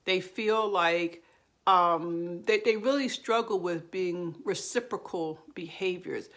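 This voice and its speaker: A woman with a lowish, gravelly voice talks through advice in an earnest, explanatory way. She speaks straight to camera like a counselor and often pauses on fillers or restarts her sentences. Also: a bit bright. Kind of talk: direct-to-camera advice talk.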